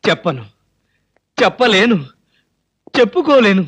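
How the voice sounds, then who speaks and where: An actor playing a mischievous, flirty husband in a film comedy, quick with cheeky wisecracks. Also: male voice, sits high, expressive, a bit bright, no room sound, full character voice. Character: flirty, glib, mischievous middle-aged husband. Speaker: comic lead husband. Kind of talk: 1990s film comedy acting.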